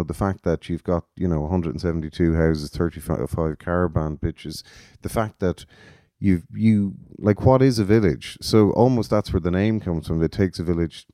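A man's voice: deep voice, mellow, no room sound, clean studio sound. A middle-aged man with a west of Ireland accent, talking casually and ramblingly as a podcast guest, often interrupting himself. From Galway, west of Ireland. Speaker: interview guest, festival organiser.

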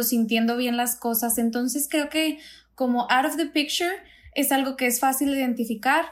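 A woman, a clinical psychologist calmly explaining in an interview with everyday examples. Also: a little high.

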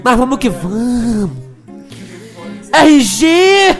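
A man from Brazil, a DJ, rattling off crude, rowdy shout-outs over a mix, yelling names and laughing. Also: extremely high pitch, big pitch swings, extremely slow. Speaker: DJ giving shout-outs on his podcast mix. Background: funk music beat.

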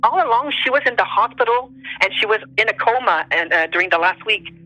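Bright-voiced non-native English-speaking woman, searching for words. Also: medium pitch, animated, fast, poor audio. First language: not English. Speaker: interview guest telling personal stories. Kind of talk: personal storytelling, conversational.

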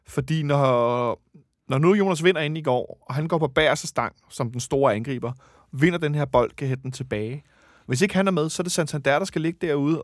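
A man's voice: mid-range voice, dry recording, clean studio sound. A man hosting a casual fan chat about a football match, rambling and correcting himself as he goes. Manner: chatty, rambling, self-correcting. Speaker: football podcast host.

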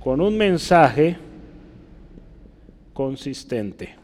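Male pastor, mid pitch, easygoing sermon delivery with frequent check-ins, echoing hall. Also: very animated, drawn-out words, a little mellow, a little hiss or hum. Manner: conversational, often checks with the congregation. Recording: reverberant hall.

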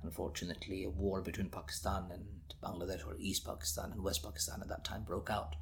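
A man's voice: low voice, flat delivery, fast talker, creaky, a bit bright, a little hiss or hum. Intense man recalling his childhood. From United Kingdom. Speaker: interviewee. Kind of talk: personal recollection in an interview.

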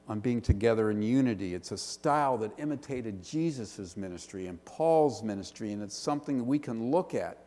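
Here a male pastor from Western Pennsylvania's Pittsburgh area preaches in a gravelly, slightly mellow mid-range voice. Earnest throughout, he poses rhetorical questions and lays out slow, emphatic lists, his sermon trailing a long hall reverb.

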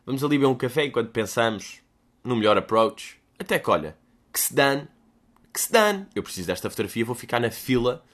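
This is a young man with a European Portuguese accent who hosts a podcast and talks straight to his listeners. His voice sits at an ordinary middle pitch but moves up and down a lot. He rambles in a relaxed way, making fun of himself and slipping into mock-dramatic asides. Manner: jokey, self-mocking, with mock-dramatic asides. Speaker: podcast host. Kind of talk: casual solo chat answering listener questions.

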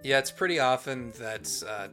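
A man with a bright, punchy voice at an average pitch hosts a casual film podcast. He talks in a wry, halting way, often doubling back on his words. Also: lively intonation, soft background music. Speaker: podcast host. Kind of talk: casual chat about a film.

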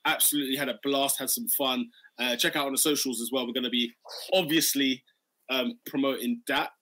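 London roadman-accented man, bright forceful voice. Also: mid-range voice, fairly even intonation, brisk. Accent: London, urban roadman slang style. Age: 30s. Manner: slangy street-style talk, repeats phrases. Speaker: podcast host and DJ. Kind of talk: casual football podcast banter.

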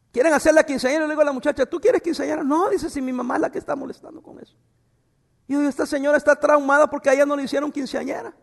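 A middle-aged man preaching a sermon as a pastor, animated, with humorous asides to the congregation. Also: very high-pitched. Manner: animated, acts out voices in quotes. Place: church hall. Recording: long hall reverb.

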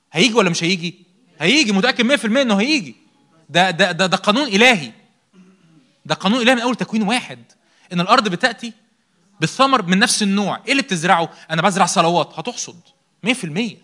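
Young Egyptian preacher, bright and brisk, pounding points home with self-answered questions and repeated words. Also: male voice, high-pitched. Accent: Egyptian Arabic. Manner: rhetorical questions answered by himself, emphatic repetition. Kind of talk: sermon.

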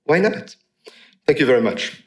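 Animated man giving a lecture. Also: medium pitch, normal speed, very noisy. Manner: animated, full of "you know" fillers, wry humor. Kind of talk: academic conference talk. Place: lecture room before an audience.

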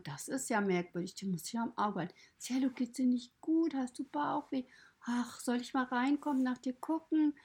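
A woman's voice: sits high, darkish tone, breathy edge, pitched above the performer's own voice. A woman voicing a worried, friendly woman stable owner in a children's story, fretting over a sick pony. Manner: fretting, anxious.

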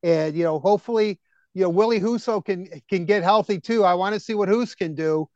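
A man co-hosting a hockey talk show, rambling excitably and full of fillers and restarts. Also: high-pitched, a little fast, dry recording, highs cut off. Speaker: co-host. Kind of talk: casual sports chat.

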